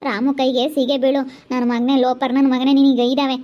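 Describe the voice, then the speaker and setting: Woman as a desperate young wife, amateur drama, very high and flat. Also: a little fast, muffled recording, close to an everyday voice. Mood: bitter. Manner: pleading, then cursing angrily. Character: young wife resisting her brother-in-law, desperate, pleading.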